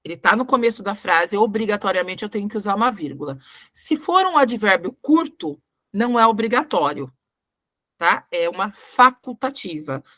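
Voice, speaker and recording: A Brazilian woman teaching Portuguese grammar, patient and methodical, checking often that her class keeps up. Her voice sits at an ordinary middle pitch. It is recorded close and dry, with almost no room sound. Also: expressive, moderate pace, sharp tone, no room sound. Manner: patient, explains step by step and checks understanding. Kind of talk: live grammar lesson.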